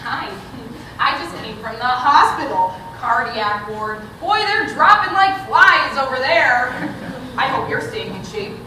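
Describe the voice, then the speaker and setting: A woman's voice: high-pitched, lively intonation, unhurried, pushed and bright, slight background noise, exaggerated voice. A woman playing a blunt, cackling, morbid old grandmother with a drawling delivery on a stage recording. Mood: gleeful. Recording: echoey theatre audio from far off.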